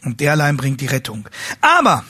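Man teaching sermon craft, a bit breathy, stumbles and repeats words, no room echo. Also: fairly high pitch, expressive, normal speed. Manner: earnest, repeats words while searching for phrasing. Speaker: homiletics teacher. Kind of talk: lecture on preaching.

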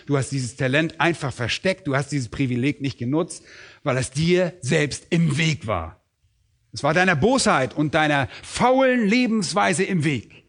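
A man preaching an expository sermon in an emphatic, rhetorical way. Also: medium pitch.

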